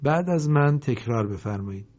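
Mellow-voiced man teaching a lesson. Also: mid-range voice, animated. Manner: brisk explaining, slow drawn-out recited example words. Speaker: Quran reading teacher. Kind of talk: recorded lesson. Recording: dull lo-fi recording.

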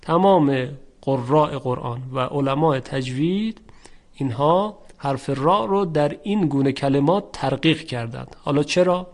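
A middle-aged man teaching tajweed, explaining the rules slowly and chanting the example words drawn out. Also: on the high side. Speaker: Quran recitation teacher. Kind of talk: tajweed lesson.

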